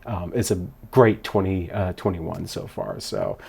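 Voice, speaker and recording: A man's voice: low-pitched, sing-song, unhurried, vocal fry, darkish tone, slightly rough. A man who works as a wedding DJ, talking casually to camera in a vlog. He rambles upbeat with many fillers and is a little out of breath. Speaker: wedding DJ vlogging a gig log.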